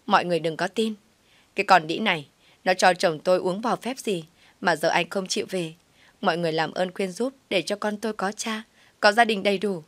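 A combative pregnant young woman who pleads and accuses at a raised pitch, as a woman storyteller puts her on. Loud, dramatic lines, recorded close and dry. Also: a little fast, no echo, natural voice. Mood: pleading.

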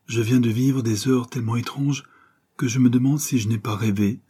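Dude reading a shaky young mom, hushed and trembly, dark husky tone. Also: male voice, medium pitch, steady tone, moderate pace, voice pushed up, lightly acted. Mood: shaken. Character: young mother, shaken and tearful. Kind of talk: audiobook character voice.

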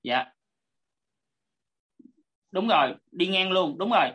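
Woman, online class teacher, lowish voice, polite, repetitive step-by-step explaining, video call. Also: expressive, slow pace, a bit bright.

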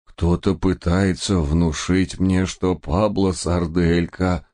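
Man doing a scared, slow-witted guy, hoarse and plaintive, speaking slowly and a touch low in a deep voice. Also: darkish tone, heavily acted. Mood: whiny. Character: jittery dim-witted man, fearful and whiny.

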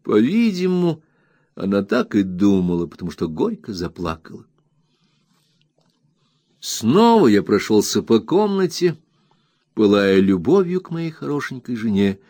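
A man narrating a classic novel in an expressive, measured storytelling voice, his pitch moving widely. The recording is dry and close, with no room echo. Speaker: audiobook narrator.

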